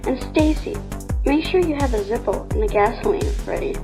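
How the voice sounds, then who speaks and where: A sneering young ringleader, cocky and cruel, barking orders and mocking her captive in a raised, bright tone, as a woman storyteller puts her on. The voice sits a good step above a plain speaking voice and drips with scorn. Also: fairly high pitch, expressive, fairly quick, over music, pitched above the performer's own voice, lightly acted, poor audio. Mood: taunting. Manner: taunting, scornful, bossy.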